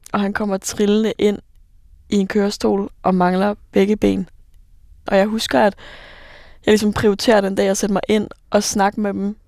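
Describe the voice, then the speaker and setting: A woman in her twenties, a bar worker, telling her own story for radio in a halting way, with many fillers and vivid recollection. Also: mid-range voice, darkish tone, no echo, studio quality. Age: 20s. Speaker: bar worker recounting rescues.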